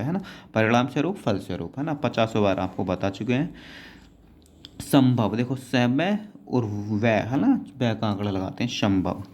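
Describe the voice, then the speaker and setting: A man teaching shorthand, patiently explaining each word and checking in with his students as he goes. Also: medium pitch. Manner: patient, keeps adding "है ना" and calling students "बेटा".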